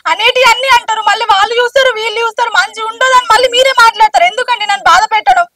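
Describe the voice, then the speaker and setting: Woman playing a tearful suspicious wife, super fast talk, far from the mic, heavy music over it. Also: very high voice, very noisy. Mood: accusing. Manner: accusing, tearful. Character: suspicious touchy young wife. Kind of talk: short film acting. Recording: distant mic, loud music underneath.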